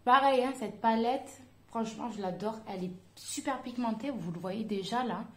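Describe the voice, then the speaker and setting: A woman's voice: a little high, moderate pace, a bit bright. A woman chatting casually through a makeup tutorial, hesitant and full of fillers as she talks to her viewers. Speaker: beauty vlogger. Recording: echoey room.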